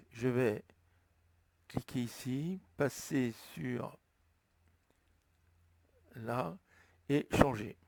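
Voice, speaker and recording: Man, French accent, tutorial narration, thinking aloud, dry close sound, mid pitch. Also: gravelly, darkish tone, no room sound. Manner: slow step-by-step explaining, thinking aloud. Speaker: flight sim tutorial maker. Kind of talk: screen-recorded tutorial narration.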